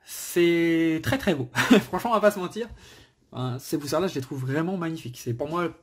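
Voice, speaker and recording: Husky-voiced man chatting excitedly. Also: medium pitch. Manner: chatty and enthusiastic, thinking aloud with many fillers. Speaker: card collector and channel host. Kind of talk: casual pack-opening chat.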